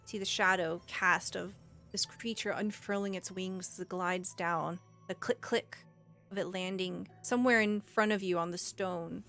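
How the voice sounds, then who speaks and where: A woman's voice: fairly low pitch, fairly even intonation, moderate pace, fairly bright tone, faint music behind. A woman narrating a tabletop roleplaying game as game master, with descriptive, suspenseful storytelling.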